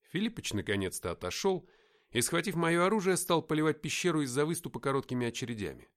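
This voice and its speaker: A man reading a first-person audiobook in a lively, expressive way. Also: medium pitch. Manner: lively, expressive reading with loud acted dialogue. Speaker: audiobook narrator.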